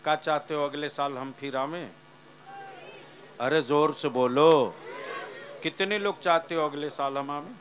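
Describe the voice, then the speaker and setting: Male preacher, slightly high voice, fiery delivery, calls out to a live crowd. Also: steady tone, a little fast, hardly any pauses, a little hiss or hum. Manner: fiery, swings from soft to shouting; talks directly to the audience, asking them to answer aloud. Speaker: Islamic preacher. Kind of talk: sermon to a crowd.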